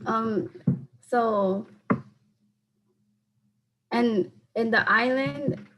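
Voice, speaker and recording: Speaking extremely slowly, a young adult woman with a high, fairly bright voice delivers a class speech over a video call. The recording is rough with slight background noise, and she sounds earnest, relying heavily on "like" when answering questions on the spot.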